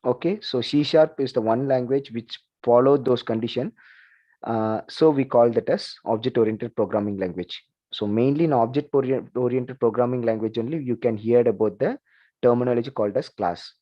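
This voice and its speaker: A man's voice: medium pitch, normal speed. Dull-sounding male lecturer. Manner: conversational, repeats "like" and "okay", asks the class questions. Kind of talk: online class lecture. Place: video call.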